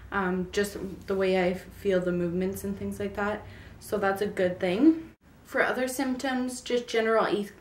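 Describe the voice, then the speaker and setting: This pregnancy update vlog comes from a woman in her twenties whose cold has left her throat raw, and she chats loosely with many ums. The mic is far off in an echoey room, and her medium-pitched voice has a slight hiss or hum.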